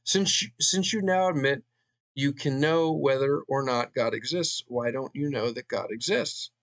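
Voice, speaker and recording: A man's voice: mid-range voice, unhurried, a bit bright, no echo. A man voicing a patient questioner who leads a skeptic step by step with probing questions.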